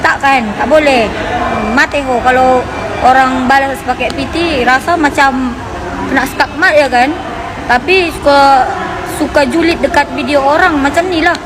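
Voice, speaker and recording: A woman's voice: high voice, fairly even intonation, a crowd in the background, background noise. An Indonesian woman ranting indignantly to camera in a clip, firing back at critics. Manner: indignant, rapid retorts. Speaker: TikTok poster. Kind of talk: heated rant to camera.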